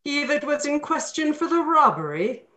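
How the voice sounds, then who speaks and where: A man's voice: extremely high pitch, sing-song, normal speed, sharp tone, pitched above the performer's own voice, full character voice. A man voicing a stern, commanding nobleman who gives cutting orders. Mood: imperious. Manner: imperious, cutting. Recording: tinny phone-like sound in an echoey room.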